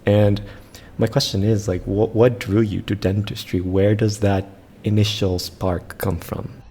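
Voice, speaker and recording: A man in his twenties co-hosting a podcast, chatting in a relaxed, rambling way. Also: lowish voice, unhurried, slightly rough. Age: 20s. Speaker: podcast co-host. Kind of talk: casual interview chat.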